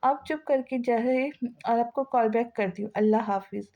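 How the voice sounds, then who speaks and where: A woman voicing a concerned middle-aged mother calmly soothing a young caller. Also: on the high side, moderate pace, close to an everyday voice. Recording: slightly dull lo-fi sound.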